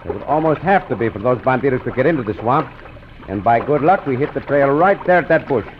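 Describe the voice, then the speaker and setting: A gallant caballero hero, voiced by a man, speaking formally and courteously. His voice is mid-pitched and even. The recording is a muffled vintage radio broadcast with steady hiss. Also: quick pace, lightly acted. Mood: calm, stealthy. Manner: courtly, formal English with Spanish words. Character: dashing Mexican caballero hero, calm and gallant.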